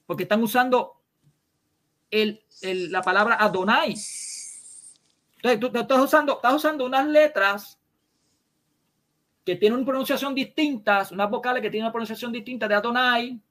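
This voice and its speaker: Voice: mid-range voice, fairly bright tone. Una persona con acento caribeño que debate sobre religión por videollamada, insiste, repite sus argumentos y lanza preguntas retóricas. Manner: insistent, repeats points and fires rhetorical questions.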